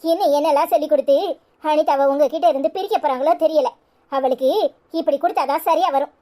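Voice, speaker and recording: A woman voicing a defiant, sharp-tongued young wife in a cartoon, scolding with a Tirunelveli Tamil accent. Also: high-pitched, fast, natural voice. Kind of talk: cartoon voice acting.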